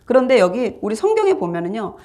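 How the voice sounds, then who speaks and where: A woman's voice: fairly high pitch, very animated, fast, mellow. Woman preacher acting out a story. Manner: storytelling, acting out quoted dialogue. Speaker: pastor. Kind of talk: sermon.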